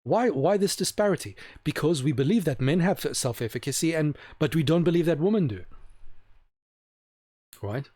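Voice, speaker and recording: A man's voice: fairly high pitch, expressive, normal speed, dark tone, dry recording, clean studio sound. A man giving an opinionated monologue to camera, rambling with restarts and asking rhetorical questions. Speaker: video host. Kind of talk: opinionated talking-head monologue.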